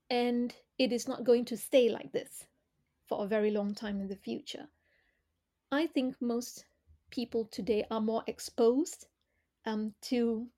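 Mellow-voiced woman from Malaysia, thoughtful. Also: a little high. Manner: thoughtful, measured, with frequent fillers. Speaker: podcast guest, former corporate director. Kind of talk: reflective interview answers.

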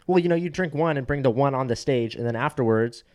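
A man's voice: mid-range voice, fast talker, darkish tone. A man in his twenties, a comedian, chatting loosely, laughing often and swearing. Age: 20s. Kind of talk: casual chat.

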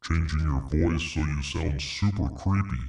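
A podcast host speaking through a voice changer that shifts his voice deep and creepy. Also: measured pace, gravelly, a little mellow, roomy sound, recorded from a distance. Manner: demonstrating a voice effect. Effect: deep pitch-shifted voice changer. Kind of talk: casual gear review.

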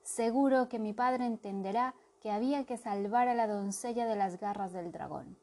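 A woman's voice: on the high side, moderate pace, warm tone. A woman voicing an impulsive young princess who is bold and eager for adventure in a storybook. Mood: determined.

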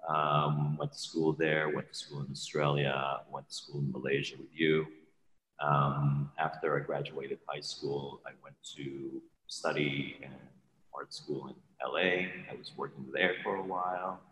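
A man who grew up in Hong Kong, a podcast guest chatting casually and relaxed, laughing often between phrases. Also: rumbling low, unhurried, slight background noise. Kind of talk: casual chat. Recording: roomy with long reverb.

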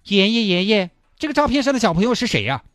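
A man's voice: high voice, very animated, fast, fairly bright tone, dry recording, studio quality, faint music behind, voice pushed up. A man voicing a puzzled six-year-old boy asking whiny questions.

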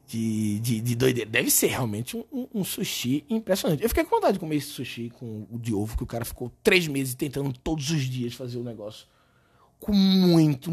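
A hoarse, hungover man with a Brazilian accent, telling stories in a slangy, animated, sweary way as a comedian hosting a casual podcast. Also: mid-range voice. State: hoarse from a hangover and shouting. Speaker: podcast host and stand-up comedian. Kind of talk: casual comic podcast monologue.

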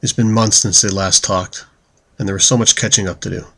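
A man narrating a fantasy story in a steady, descriptive reading style. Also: lowish voice, a little fast. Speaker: audiobook narrator.

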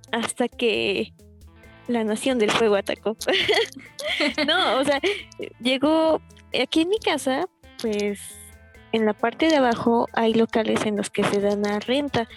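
A young woman with a Mexican accent telling a story in a casual, chatty way, full of fillers and laughs. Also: a little high. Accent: Mexican Spanish. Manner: laughs often, chatty fillers, animated retelling.

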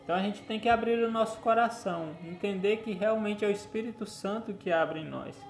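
A man preaching a teaching sermon, gently instructive and often checking in with his listeners. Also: high-pitched, fairly quick, gravelly. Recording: echoey room with faint music.

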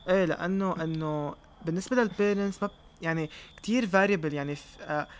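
A woman's voice: lowish voice, fast talker. A young Lebanese woman talking casually, dropping English words and phrases into Arabic sentences. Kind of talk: casual discussion.

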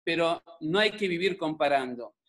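A man's voice: on the high side, normal speed. A middle-aged man with an Argentine accent gives a religious talk at home, telling stories with jokes and asides to the audience. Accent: Argentine Spanish (Rioplatense). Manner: animated, jokey, many asides to the audience. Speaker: speaker giving a religious talk. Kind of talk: humorous storytelling talk. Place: at home, on camera.

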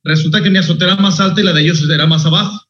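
Mexican man, animated storyteller, laughs a lot, higher voice; dull, echoey recording. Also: very fast. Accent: Mexican Spanish. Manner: laughing, animated anecdotes with slang. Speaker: podcast guest, motivational speaker. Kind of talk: casual storytelling chat. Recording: echoey room, dull lo-fi sound.

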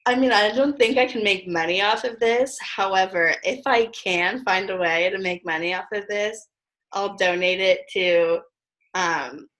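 Giggly young woman with vocal fry. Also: medium pitch, a little slow, fairly bright tone. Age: young adult. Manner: giggly, chatty with many fillers. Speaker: podcast host. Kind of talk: casual podcast chat.

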